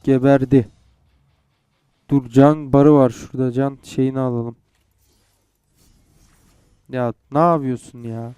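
A man's voice: mid-range voice, fairly even intonation, takes it slowly, pauses often, warm tone, clear, resonant tone, no echo, dull audio. A young man playing a game and commenting, frustrated and swearing as he goes. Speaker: gamer. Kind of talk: gameplay commentary.

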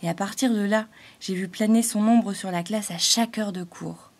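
A woman's voice: mid-range voice, fairly even intonation, moderate pace, close to an everyday voice. A woman voicing a timid little female thought-spirit, a glowing halo, in a fairy-tale audiobook. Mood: earnest. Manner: shy, hesitant, growing earnest.

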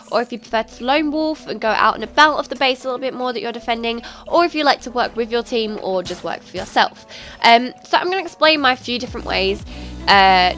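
A woman's voice: fairly high pitch, fairly bright tone. A woman hosting a casual, chatty video game tutorial, her nose stuffed up with a cold. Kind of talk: casual gaming tutorial commentary. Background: music.

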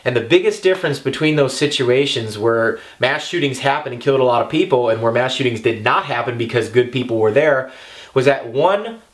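A man's voice: medium pitch, lively intonation, brisk. A young man giving an emphatic talk straight to the camera as a firearms instructor, checking in often with "okay" and "all right".

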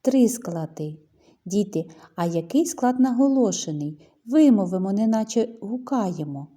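A woman teacher speaks slowly to young children, stretching her words in a sing-song lilt. Her voice is mellow and soft, with a breathy, slightly husky edge. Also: mid-range voice, expressive. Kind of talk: children's lesson.

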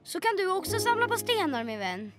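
A woman's voice: very high-pitched, sing-song. A playful little boy prince. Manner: playful, grand royal turns of phrase. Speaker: cartoon character. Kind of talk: dubbed children's cartoon. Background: children's music.

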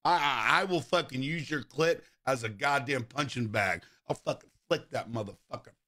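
A man livestreaming game commentary in a brash, animated frat-bro manner, swearing constantly and exclaiming. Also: mid-range voice, normal speed. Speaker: video game livestream host. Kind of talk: livestream gaming chat and commentary.

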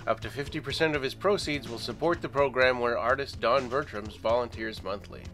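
A man's voice: mid-range voice, a little fast, a bit bright, soft background music. A man reading a scripted podcast intro and sponsor message. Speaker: podcast announcer.

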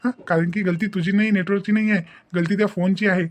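Speaking at a quick pace in a natural, high-sitting voice with fairly even intonation, a man portrays a devoted young husband in a cartoon family drama. He lectures with earnest insistence and questioning tags in a Maharashtrian Marathi accent, caring but insistent.

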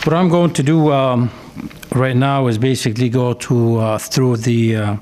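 A man, a city director, taking over a public hearing at a podium, speaking haltingly with many fillers. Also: medium pitch, fairly even intonation, a little mellow, slight background noise. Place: city council chamber, indoors. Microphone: podium microphone.

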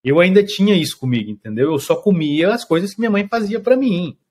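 A man from Brazil, a food truck chef, talks very quickly in an easygoing interview. His voice sits a little high for a man. He tells his stories with gusto, acting out customers and checking in with "you get it?". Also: slightly rough. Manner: lively storyteller, acts out customers, keeps asking "entendeu?". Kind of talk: casual interview chat.

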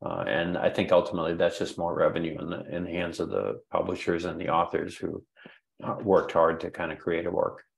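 Older male guest, very low gravelly voice, measured and halting. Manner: measured, repeats words while thinking. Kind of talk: conference interview answer. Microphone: webcam video call.

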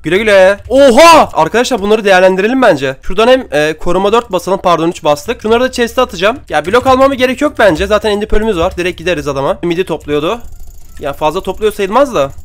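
A young man chats over his own gameplay in a high, bright-sounding voice, firing off words at a quick clip. He keeps up a running patter, taunting opponents and breaking into excited outbursts. Keyboard and mouse clicks sit close to his desk microphone. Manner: chatty, trash-talking opponents, excitable outbursts. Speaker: gaming YouTuber. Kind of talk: casual gameplay commentary.

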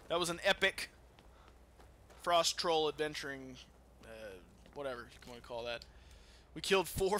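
A man with a fairly high voice gives casual, profane commentary while hosting a let's play, with slight background noise. He trash-talks in an animated way.

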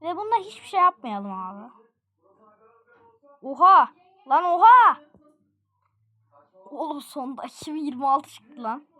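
Excitable high, bright-voiced woman gamer. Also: a little slow, pauses often. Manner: excitable, laughing, shouting exclamations. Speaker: gaming video creator. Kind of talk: live gameplay commentary.

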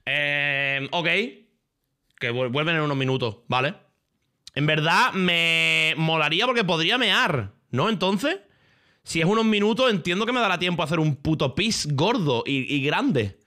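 A man's voice: a little high, lively intonation, measured pace, bright, forceful tone. A man with a Spain Spanish accent, streaming a game and chatting casually, crude, joking and rambling with lots of slang.

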